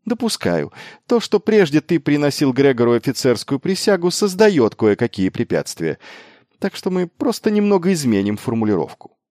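A man voicing a brash, quick-witted young male noble commander who talks insistently and urgently. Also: low voice, a little mellow, dry recording, studio quality. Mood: fervent insistence.

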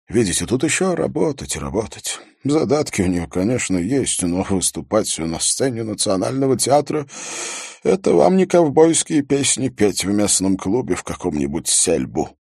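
A man's voice: on the low side, sing-song, normal speed, husky, dry recording, clean studio sound, voice pushed up, heavily acted. A man voicing an anxious, emotional middle-aged theatre producer, nervous and fussy.

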